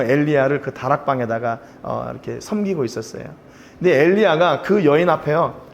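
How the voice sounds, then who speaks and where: A man's voice: medium pitch, a little hiss or hum. A man preaching a sermon as pastor, talking casually to the congregation and rising to emphatic pleas as he reads prayers aloud.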